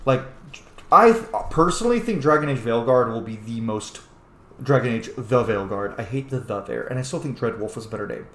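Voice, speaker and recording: With a mid-range, expressive voice that's a little fast, this video game streamer keeps up casual, opinionated commentary, rambling and swearing a lot. The recording has a roomy echo with faint noise.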